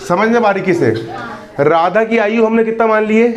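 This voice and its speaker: In a muffled, very noisy recording, a high-pitched man in his early twenties teaches a maths class at normal speed. He keeps repeating questions to his students, teasing and scolding them, and the students can be heard in the room.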